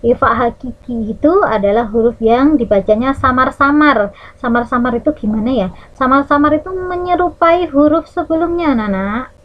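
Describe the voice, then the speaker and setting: A lively Indonesian woman with a high-pitched voice teaches children the rules of Quran recitation, heard through lo-fi sound. She demonstrates Arabic recitation by stretching words out slowly, and in a lively, teacherly way she checks in with "ya" and "nah".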